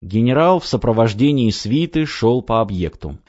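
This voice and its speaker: Man narrating an audiobook in a dark voice. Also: medium pitch, animated, moderate pace, no echo, highs cut off. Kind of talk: scripted narration.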